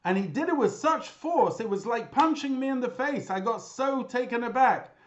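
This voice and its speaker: A man, a rabbi, giving a memorial talk with lively storytelling, mixing in Hebrew and Yiddish terms, heard over a video call. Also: very high-pitched, normal speed, lo-fi sound, slight background noise. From Britain.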